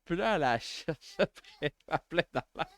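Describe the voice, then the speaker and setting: Streaming casually from home, this livestream host speaks with a Quebec French accent and a slightly high voice. He's excitable, prone to exclamations and jokes, and the recording is dry.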